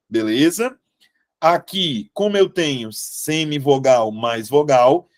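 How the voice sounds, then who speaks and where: A Brazilian man with a slightly high voice gives an online exam-prep grammar lesson. He takes his time and checks in with the class often. He fondly calls the students "meus amores.". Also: a little mellow. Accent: Brazilian Portuguese. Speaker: Portuguese grammar teacher.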